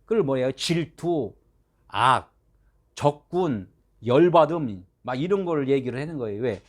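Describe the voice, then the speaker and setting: A male pastor delivering a conversational sermon, full of rhetorical questions and swinging between loud stresses and soft asides. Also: mid-range voice, lively intonation, measured pace.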